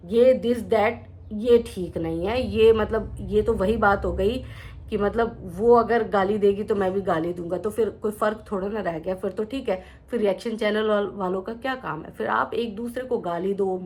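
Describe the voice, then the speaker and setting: A young woman hosting a reaction channel, giving earnest opinion commentary and speaking directly to the people involved in a lecturing tone. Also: mid-range voice.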